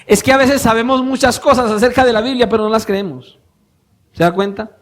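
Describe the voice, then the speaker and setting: A male pastor preaching a sermon, asking his congregation pointed questions and moving between soft, low lines and louder emphatic ones. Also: brisk. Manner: questions the congregation directly, swinging from soft to loud.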